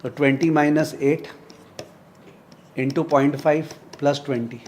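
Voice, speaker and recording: A man's voice: a little high, fairly even intonation, unhurried, a little mellow, a little hiss or hum. A man giving a live finance lecture, drilling sums aloud in a repeated rhythm and teasing students by name. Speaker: finance teacher.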